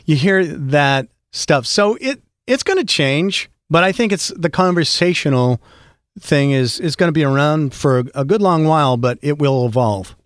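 Middle-aged male guest, chatty storyteller, slightly high voice, dry recording. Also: moderate pace, no echo. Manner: animated, storytelling, frequent restarts. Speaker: podcast guest, voice actor. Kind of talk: casual conversation.

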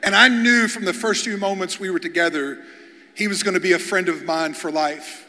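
Preaching from the pulpit of a large church hall whose long reverb rings around him, a Kentucky guest pastor shares funny stories at a moderate pace. His high voice is bright and forceful, and he frequently trips over repeated words when starting a sentence.

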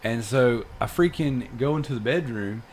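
A man in his thirties hosting a podcast, telling a long story in casual chat, rambling and animated with plenty of fillers. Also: medium pitch, moderate pace, slight background noise. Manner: rambling and animated, lots of fillers like dude and freaking. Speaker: podcast host.

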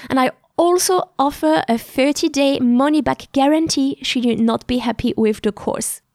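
A woman with a French accent, a native French speaker, giving a clear, explanatory podcast pitch for her pronunciation course. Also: normal speed, darkish tone, no echo, studio quality. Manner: clear, explanatory teacher's delivery. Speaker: French teacher and podcast host.

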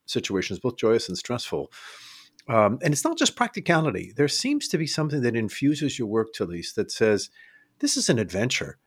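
A man's voice: mid-range voice, breathy edge, dry recording, studio quality. A man hosting an interview, asking a thoughtful and earnest question. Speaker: interview host.

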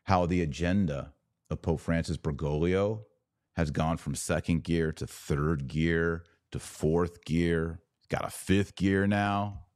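Hosting a live commentary podcast, a low-pitched American man who works as a religious commentator talks straight to viewers, driving points home through emphatic repetition. He speaks slowly in a somewhat mellow voice, and the dry recording has minimal room sound and no echo.

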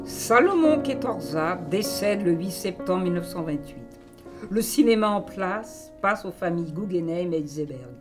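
A woman's voice: on the low side, lively intonation, moderate pace, over music. A woman reading scripted, dramatic narration for a radio serial.

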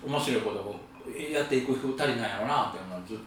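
A man's voice: medium pitch, very fast, recorded from a distance, very noisy. A man with a Kansai accent co-hosting a casual chat over drinks, telling stories in an easygoing way. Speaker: podcast co-host. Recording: very echoey, set back from the mic.

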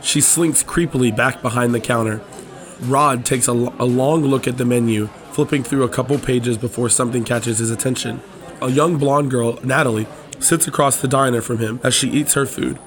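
A man co-hosting a comedy podcast, chatting animatedly and narrating a screenplay, quick to laugh. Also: mid-range voice, steady tone. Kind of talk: casual chat and screenplay narration.

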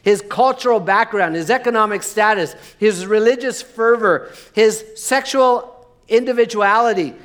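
High-voiced man preaching. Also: fairly bright tone. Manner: measured, emphatic, slows down on key words. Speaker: pastor. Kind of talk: sermon.

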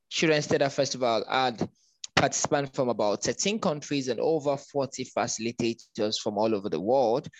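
A man from Nigeria speaks as an interview guest, halting often with ums and restarting his phrases. His voice sits at a middle pitch, and the sound is dry with no room echo. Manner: hesitant, many ums and restarts. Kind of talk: conversational interview.

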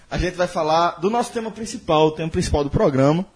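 Husky-voiced male podcast host. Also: fairly high pitch, animated, moderate pace. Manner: explains the topic at length, tagging lines with questions. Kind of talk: casual podcast discussion.

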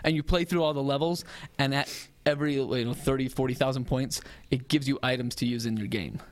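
A man's voice: medium pitch, fairly even intonation, brisk. A man in his thirties or forties co-hosting a podcast, telling personal anecdotes in a casual, jokey way. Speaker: podcast co-host.

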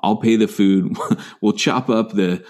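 A man's voice: fairly low pitch, steady tone, slow pace, a little mellow. An American man, middle-aged, a pastor telling his own story in an interview, earnest and self-deprecating, with many fillers and restarts. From United States.

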